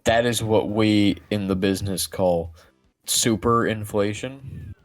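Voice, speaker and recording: A man's voice: lowish voice, takes it slowly, faint music behind. Sarcastic, ranting young man. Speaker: co-host commenting on the story. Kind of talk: sarcastic commentary.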